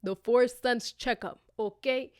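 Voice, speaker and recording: A woman with a fairly high, clear, resonant voice speaks unhurriedly in a steady tone, in a dry, studio-quality recording. She hosts a relaxed motivational podcast of self-reflection, speaking fondly and directly to listeners, swearing freely and using slang.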